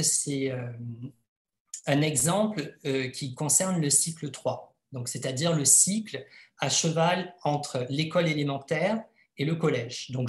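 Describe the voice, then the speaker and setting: A man presenting his book in an educational webinar, speaking hesitantly with frequent filler sounds. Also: a little high. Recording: echoey room.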